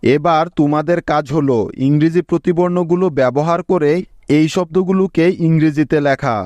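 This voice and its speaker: A man's voice: fairly high pitch, darkish tone, no room sound. A man teaching a spelling lesson in a patient classroom style, often asking his students questions and answering them himself.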